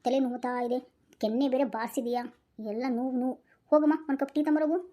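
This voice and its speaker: A woman voices a timid young husband in a cartoon, with a North Karnataka lilt. His voice sits high and runs fast, and his complaints come out as whimpers. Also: fairly even intonation, warm tone, natural voice. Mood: whining. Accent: North Karnataka Kannada. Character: meek whiny young husband, doctor. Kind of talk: cartoon voice acting.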